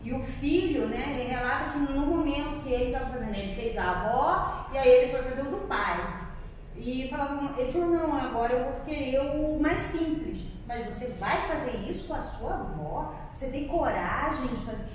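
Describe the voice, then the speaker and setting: Woman, high voice, animated explaining, roomy echo, distant mic. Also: moderate pace. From Paraná, Brazil. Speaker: guest lawyer and economist. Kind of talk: podcast interview. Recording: echoey room, mic from far off, clear background noise.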